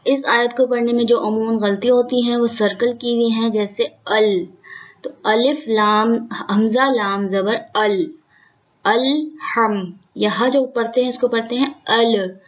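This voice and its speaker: A woman teaching Quran recitation, speaking deliberately and drawing out sounds to demonstrate correct pronunciation. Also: on the high side, fairly even intonation, muffled recording. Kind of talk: tajweed lesson.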